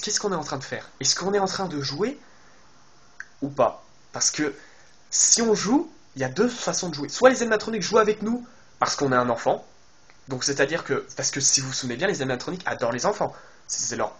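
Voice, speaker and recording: A man talks through a game trailer in a loose, casual way, speaking straight to his viewers. He thinks out loud, filling gaps with hesitations and starting sentences over. His voice sits a little higher than most men's. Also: animated, fairly quick. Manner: chatty, thinks aloud with many fillers and restarts; addresses viewers directly. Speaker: video game YouTuber. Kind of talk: casual trailer analysis commentary.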